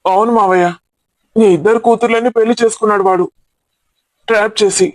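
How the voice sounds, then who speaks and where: A man's voice: high voice, steady tone, brisk, no echo, close to an everyday voice. A man, acting in an amateur family comedy drama as an angry relative who scolds about a scoundrel and then gives the family advice. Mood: indignant. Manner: indignant, scolding.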